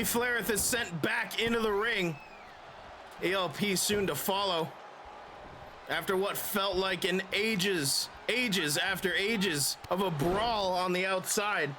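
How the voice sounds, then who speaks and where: A man giving excitable play-by-play as a wrestling commentator, shouting and stretching out the big calls. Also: sits high, background noise.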